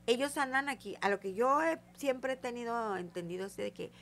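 Older woman, animated storyteller. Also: fairly high pitch, moderate pace, a little hiss or hum. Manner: tells stories vividly, acting out quoted dialogue. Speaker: guest psychic. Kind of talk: casual storytelling interview.

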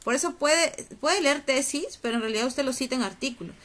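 High-voiced woman teaching an online class. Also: fairly quick. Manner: animated, coaxing, teasing students. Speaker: university teacher. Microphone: video call.

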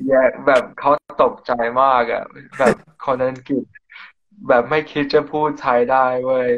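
A man's voice: mid-range voice, level tone, unhurried. English teen guy talking easy slangy thai, english is his first language, sound kinda muffled. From England. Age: teens. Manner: casual, slangy Thai, says yeah often. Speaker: guest. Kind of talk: casual interview in Thai.

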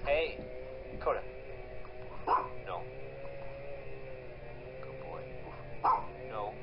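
A man chatting casually to his dogs and his viewers in a home video. His voice rises and falls a lot but his pace stays slow and easy. The recording sounds dull and lo-fi, with loud noise underneath. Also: medium pitch, animated, creaky. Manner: coaxing, playful, giving dogs commands. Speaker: vlogger. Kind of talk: casual home vlog talking to pet dogs.

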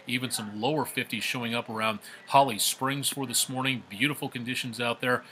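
A male TV meteorologist doing a live weather forecast, ad-libbing loosely and repeating himself, his voice coming through a faulty mic on a low-quality stream. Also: bright, forceful tone, a little hiss or hum. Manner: loose, repetitive, filler-heavy ad-libbing. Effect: low-quality stream audio from a faulty microphone.

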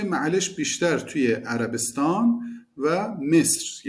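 A man teaching a language lesson, explaining phrases animatedly and repeating the key words. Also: medium pitch.

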